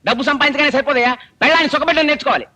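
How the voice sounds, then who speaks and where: A self-righteous male burglar in a film comedy scene, delivering mock-solemn sermons to the people he robs. His voice is very high and piercingly bright. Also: racing, a little hiss or hum. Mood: preachy. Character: sanctimonious male burglar who lectures people.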